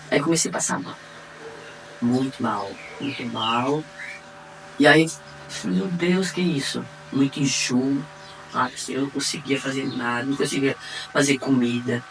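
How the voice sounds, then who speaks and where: A woman with a Brazilian accent giving a personal faith testimony, acting out the dialogue as she retells it and swinging between quiet and excited. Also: low voice, a little fast, creaky, soft background music. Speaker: testimony giver. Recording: distant mic, faint room ambience.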